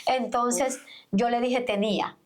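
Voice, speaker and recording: A middle-aged woman pastor with a fairly high voice shares her faith testimony. She tells it earnestly and slips into the voices of the people in her story. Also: moderate pace. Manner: earnest storytelling, reenacts dialogue. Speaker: pastor, guest.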